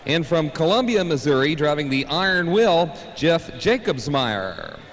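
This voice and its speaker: A man's voice: on the high side, very animated, a little slow. Male tractor pull announcer, echoing arena. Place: large indoor arena. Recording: reverberant arena PA, background noise.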